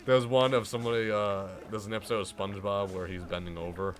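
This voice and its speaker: A man's voice: on the low side, flat delivery, quick pace, soft background music. A young American man co-hosting a gaming channel, chatting casually over gameplay in a playful, teasing way.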